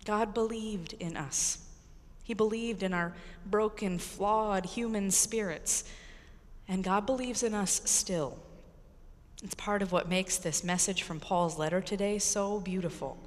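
A middle-aged American woman, an Episcopal priest, preaches an earnest, emphatic sermon to a congregation in a large indoor church, using deliberate pauses and repetition. Her voice is medium-pitched, picked up by a pulpit microphone, and the church hall gives it an echoey reverb.

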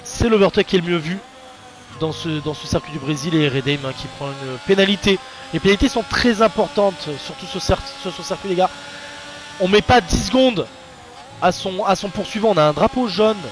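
A young man giving casual, excitable live commentary on an online racing league, chatting to his viewers in a slangy, informal way. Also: high-pitched, a little fast, slight background noise. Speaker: race commentator and streamer.

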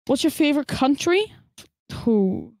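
A high-voiced woman chatting on a live game stream. She teases and jokes in quick bursts, and keyboard typing clicks along under her voice at the desk. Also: dry recording. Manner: playful, teasing, quick bursts of excitement.

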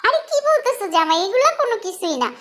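A woman's voice: very high-pitched, sing-song, fast talker, background noise, pitched above the performer's own voice. A woman voicing a bossy but soothing village mother-in-law who scolds, then coaxes. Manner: scolding, then coaxing in dialect.

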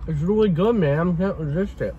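A young man, a son co-hosting a food review and talking in a relaxed, agreeable way while eating in a parked car, picked up by a dashboard camera. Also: sits high, moderate pace, lo-fi sound, a little hiss or hum. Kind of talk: casual chat in a car.

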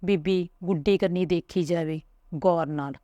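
A woman narrating a family story in a calm, even reading manner. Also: on the low side, unhurried, no room sound, highs cut off.

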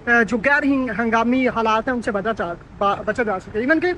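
A male sports reporter narrates arrivals outdoors beside a bus, one name after another. His voice sits very high for a man. Faint street and engine noise hangs in the background. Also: moderate pace, sharp tone, dull audio. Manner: running play-by-play narration of arrivals. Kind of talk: live on-location commentary.

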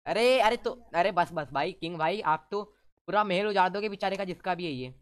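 Excited man shouting game orders. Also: high voice, fairly quick. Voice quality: teasing, bossy with teammates, shouts orders. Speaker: gaming YouTuber. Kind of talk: excited let's-play commentary.

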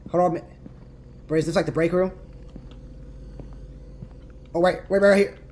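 A young man streaming live game commentary from home, excitable and chatty with lots of slang. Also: high voice, normal speed, a little hiss or hum.

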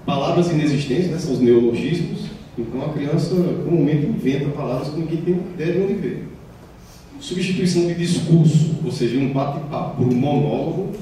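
A man's voice: a little high, brisk, mellow. A man from Paraíba, a child psychiatrist with a Paraíba accent, giving an explanatory lecture in a municipal hall and acting out quoted children and parents. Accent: Brazilian Portuguese, Paraíba. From Paraíba, Brazil. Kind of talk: public health lecture. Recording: very echoey hall from far off, faint noise.

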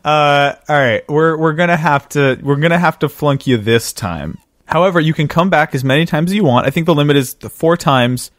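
A man's voice: a little high, a little fast, a bit bright, no echo, close to an everyday voice. A man playing an awkward, politely patient driving instructor who stammers through his instructions in an improvised comedy role-play. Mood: uneasy, polite.

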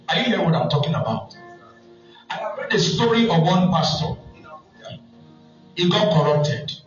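Nigerian man, pastor, sermon, high voice, humorous storytelling, booming echo, distant muffled sound, faint music behind. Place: church hall. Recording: echoey muffled church hall, faint music.

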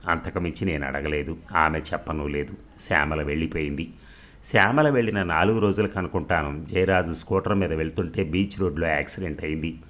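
A man reading a novel aloud as an audiobook storyteller, in a calm, measured way. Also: very deep voice.

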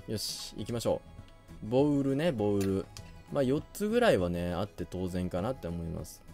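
A man's voice: fairly low pitch, darkish tone. A young man giving casual game commentary, thinking aloud and often hesitating. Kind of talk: casual let's play commentary.

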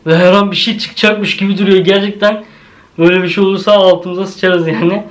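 A man's voice: high-pitched, steady tone, fairly quick, poor audio. A male YouTuber giving a jumpy horror video reaction, swearing often and talking straight to his viewers.

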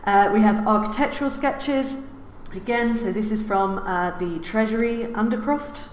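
A woman's voice: mid-range voice, moderate pace. Woman lecturing in an echoey hall. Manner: many filler sounds, wry asides. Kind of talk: public lecture. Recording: roomy lecture hall reverb, faint hiss.

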